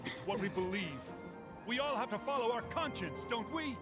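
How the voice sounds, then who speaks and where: Prim, indignant woman acted by a woman, loud music. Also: fairly high pitch, lively intonation, normal speed, lightly acted. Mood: firm, indignant. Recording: game audio under loud music.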